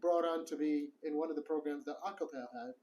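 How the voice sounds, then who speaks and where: A man's voice: a little high, fairly even intonation, quick pace, dark tone, rough recording. A middle-aged man from Morocco, a company co-founder, steadily explaining technical matters in an office interview. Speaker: guest, tech co-founder. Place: office in the city.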